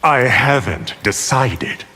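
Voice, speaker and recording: In a fighting game, a man voices a scheming, power-hungry sorcerer villain, his slow, animated, mid-range delivery full of condescending menace and a sly edge. The recording has a long reverb and loud background noise.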